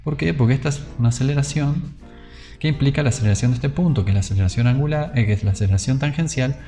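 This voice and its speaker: A man's voice: medium pitch, quick pace, mellow, soft background music. A young man giving an informal physics lesson, thinking aloud and checking in often with his students. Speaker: physics lecturer. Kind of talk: informal whiteboard lecture.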